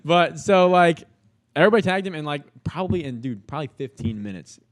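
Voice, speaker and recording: A man's voice: fairly high pitch, a little fast. A young man, a podcast guest, telling a story in casual, slangy talk full of fillers and swearing. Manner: slangy and animated, heavy filler words and swearing.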